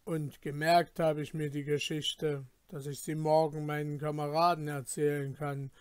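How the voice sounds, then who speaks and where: A man's voice: on the high side, flat delivery, normal speed, clear, resonant tone, no echo, natural voice. A man voicing a plain-spoken, pleased carter at an inn table, in a storybook reading.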